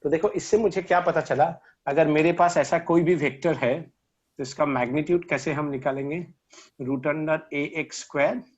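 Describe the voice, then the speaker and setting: A man's voice: on the high side, lo-fi sound. A man teaching physics. He switches between Hindi and English and works through sums aloud, counting step by step. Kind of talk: online lecture.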